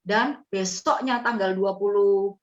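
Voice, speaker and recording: A woman from East Java talks slowly in a medium-pitched voice as she earnestly tells a host her personal testimony. She calls him "Pak," and the recording is slightly muffled.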